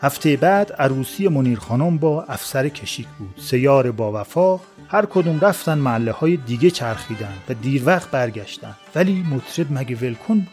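A man narrating a story on a podcast in a lively, colloquial, dramatic way. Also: medium pitch, hardly any pauses, faint music behind.

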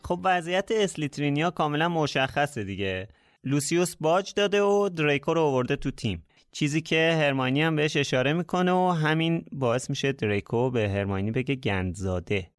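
A man hosting a book discussion, explaining the story in a relaxed way. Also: fairly high pitch, soft background music. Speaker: podcast host.

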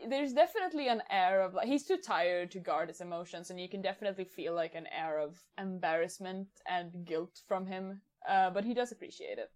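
Woman player, rambly and giggly, mid-pitch, casual. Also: brisk, hardly any pauses, darkish tone. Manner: rambling, filler-heavy, giggly. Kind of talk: casual tabletop play.

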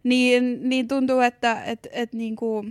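A young woman chatting on a podcast, her voice sitting a little high. She rambles casually through filler words and drops a swear word now and then. The sound is dry and close, with no room around it. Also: flat delivery, clean tone, no room sound. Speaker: podcast co-host. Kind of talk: casual chat.

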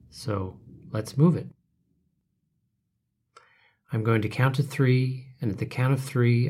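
Slow, husky-voiced man guiding a meditation. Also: mid-range voice. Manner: soft, calm, trailing off to whispers. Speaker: meditation guide. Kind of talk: guided relaxation meditation.

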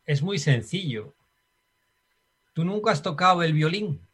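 A Spanish-accented man with a somewhat high, expressive, slightly bright voice and a breathy edge speaks a little slowly. He muses as a guest in a conversational interview, often tacking on a questioning "right?" or the filler "¿no?".

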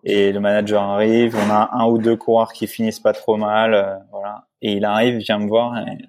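Un homme à la voix plutôt grave raconte son histoire avec franchise, comme invité d'un entretien décontracté. Il hésite, se reprend souvent et interpelle son interlocuteur avec des « tu vois ». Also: male voice, fairly low pitch, flat delivery, normal speed, a little mellow. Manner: rambling, many restarts and fillers, frequent "tu vois"; emotional, candid recounting. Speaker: interview guest. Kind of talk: casual storytelling in conversation.

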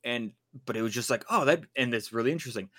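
Quick-paced and fairly bright, a mid-range male voice co-hosts a podcast. He keeps things casual, rambling along with many fillers and restarted sentences.

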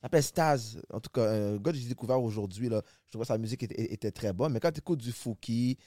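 Speaking fast with a dark tone in a mid-range voice, this forties-aged guest rapper from Quebec has a Québécois French accent. He rambles casually on the podcast, restarts frequently and keeps asking "tu comprends?". The sound is clean studio audio with no room sound.

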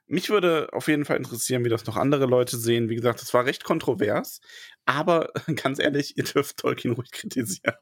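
A man talks casually as a podcast co-host, hesitant and full of fillers and restarts. His voice sits at an ordinary pitch. The recording is dry and close, with no room sound. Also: brisk, husky, dry recording. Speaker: podcast co-host discussing a book. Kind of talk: casual chat.

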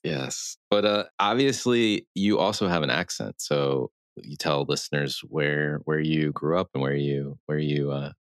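A man's voice: very deep voice, a little slow, hardly any pauses, clear, resonant tone, no room sound, clean studio sound. A man hosting an interview, affirming his guest and asking questions with small restarts. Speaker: podcast host. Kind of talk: conversational interview.

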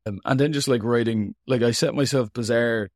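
A man's voice: medium pitch, fairly even intonation, normal speed, a little mellow, dry recording, clean studio sound. A man with an Irish accent giving an interview as a writer, talking in an informal, rambling, reflective and self-deprecating way. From Ireland. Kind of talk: casual, reflective interview talk.

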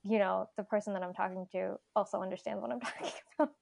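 A woman in casual chat, relaxed and agreeable. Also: medium pitch, fast talker, gravelly.

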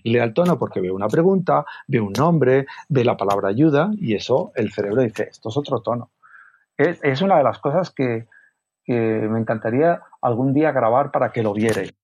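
A man with an accent from Spain, a communication trainer being interviewed, explaining in a lively way and acting out example voices. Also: medium pitch, a little fast, breathy edge, no room sound, highs cut off. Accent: Spain Spanish. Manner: animated, acts out example voices.

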